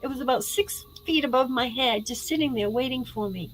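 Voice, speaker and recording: Middle-aged woman, casual live-stream host, excitable and chatty, slightly high pitch. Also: fairly quick, low-quality recording.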